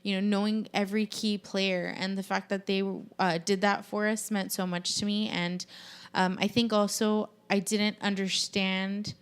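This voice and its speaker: A woman's voice: mid-range voice, level tone, normal speed, clear, resonant tone. A woman hosting a podcast in casual chat, talking animatedly with lots of fillers and frequent swearing. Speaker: podcast host.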